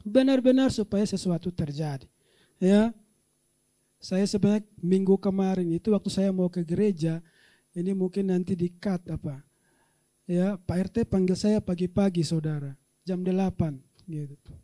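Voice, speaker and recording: A male pastor preaching a sermon with animated delivery, rising to loud shouts and laughing often, dropping low for quiet asides. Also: normal speed.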